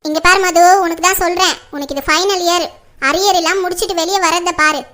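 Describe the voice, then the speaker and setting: A woman's voice: very high-pitched, steady tone, fairly quick, slight background noise. A woman playing a middle-aged mother who scolds her two grown daughters, in a homemade family skit. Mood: lecturing. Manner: nagging, sharp scolding.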